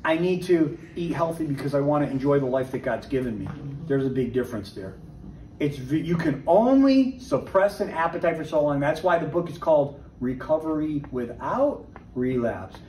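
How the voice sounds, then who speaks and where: A man with a fairly high voice gives a lively, conversational Bible teaching and keeps asking rhetorical questions. He sounds a little far from the mic, in a roomy church space. A faint hiss sits under the recording. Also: normal speed. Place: church meeting room.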